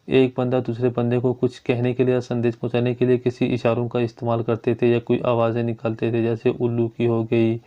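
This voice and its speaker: A man's voice: mid-range voice, warm tone, clear, resonant tone. A man teaching a grammar lesson. He explains step by step and repeats his points. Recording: dull lo-fi recording.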